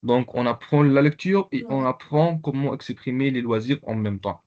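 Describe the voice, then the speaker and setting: A male teacher gives a lesson over a video call, explaining step by step with many pauses and repeated words. His voice sits at a middling pitch. The audio is slightly dull and lo-fi. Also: darkish tone. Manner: hesitant, repeats words, slow careful explanations. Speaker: Arabic teacher. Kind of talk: online language lesson.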